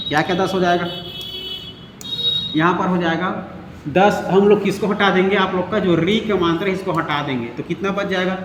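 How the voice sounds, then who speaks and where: A man's voice: high voice, a little hiss or hum. A male teacher giving a grammar lesson, repeating key points and asking if everyone is following. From India. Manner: repetitive, drilling with check-ins. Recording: echoey room with faint ambience.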